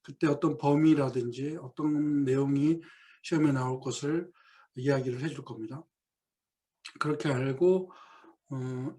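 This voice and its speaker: A middle-aged male professor giving a lecture, explaining a play and reading quoted lines slowly. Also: medium pitch, dark tone. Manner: reads quoted English lines very slowly, then explains them.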